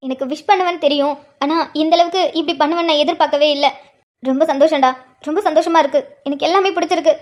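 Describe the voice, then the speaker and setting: A woman's voice: sits high, fairly even intonation, fast, darkish tone, close to an everyday voice. A woman voicing an affectionate older sister and young mother in a cartoon drama, emotional and teasing by turns. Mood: tearful. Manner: affectionate, teasing, tearful at times.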